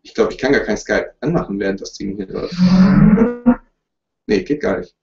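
Sitting in front of a couch at home, this livestreaming YouTuber answers questions from viewers in a relaxed, joking, apologetic manner. He has a lowish voice and keeps a moderate pace. Sound comes through a roomy, distant, dull webcam.

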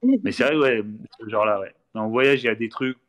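A man's voice: mid-range voice, lively intonation, fairly quick, fairly bright tone. A man joins a live talk show over a video call to tell travel stories. He rambles and restarts often and acts out the exchanges he recalls. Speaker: guest traveler. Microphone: remote video call.

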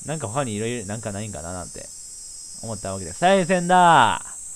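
A man's voice: fairly low pitch, lively intonation, very fast, a little hiss or hum. A young man, casually commenting on a horror game, muttering and joking as he reads the lines aloud. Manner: jokey, mutters to himself, plays characters' lines in put-on voices. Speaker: game streamer. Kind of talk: casual let's-play commentary, reading game text aloud. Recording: game music playing behind.

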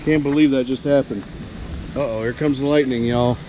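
Holding an action camera, a middle-aged man narrates a relaxed vlog from his camper during a stormy night at the campsite. He speaks fairly quickly in a warm, mid-range voice with fairly even intonation, and the dull audio carries a little hiss or hum beneath the music.

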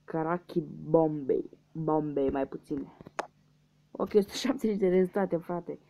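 A man's voice: fairly high pitch, creaky, dark tone. A young man from Romania giving casual let's-play commentary, muttering guesses and swearing at losses. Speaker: gaming youtuber. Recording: dull lo-fi mic with faint hiss.

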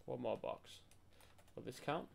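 A man's voice: medium pitch, measured pace, creaky, a little hiss or hum. A man chatting casually and teasing his partner while playing a video game. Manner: bantering, teasing, swears when excited. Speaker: gaming channel host. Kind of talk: casual gameplay chat.

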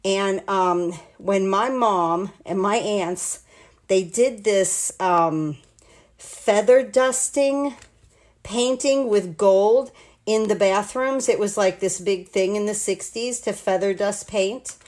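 A woman's voice: medium pitch, slow, darkish tone. A woman in her sixties from the United States, chatting and explaining each step as she demonstrates card making at her craft table. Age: 60s. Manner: chatty, rambling, talks through each step. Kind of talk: live card-making demo. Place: home craft table, indoors.

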